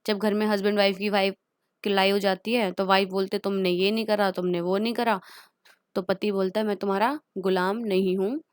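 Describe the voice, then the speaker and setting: A woman with an Indian accent teaching everyday English phrases. She says each phrase twice, very slowly, then explains it quickly. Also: medium pitch, flat delivery, clear, resonant tone, dry recording, studio quality. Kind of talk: spoken English lesson.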